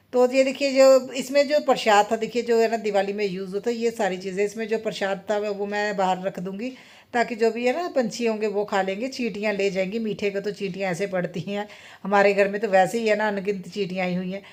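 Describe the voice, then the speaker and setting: A woman's voice: mid-range voice, darkish tone. A woman in her thirties chatting casually in a home vlog, rambling and often adding tag questions. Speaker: vlogger and mother.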